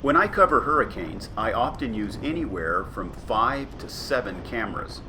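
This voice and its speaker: A man's voice: medium pitch, animated, moderate pace. A man giving a scripted narration as a weather journalist reviewing gear. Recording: clear background noise, storm ambience.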